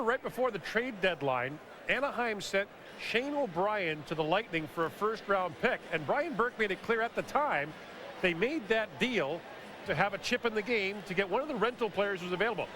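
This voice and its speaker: A man hosting a live televised draft broadcast, brisk and informative with light jokes, heard from a worn VHS tape copy. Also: high voice. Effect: hissy worn VHS tape copy. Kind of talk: live sports broadcast commentary. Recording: hissy old videotape broadcast.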